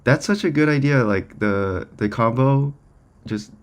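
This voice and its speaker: A man's voice: mid-range voice, a little slow. A man co-hosting a casual livestream, answering tentatively as he thinks aloud. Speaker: software developer co-hosting stream.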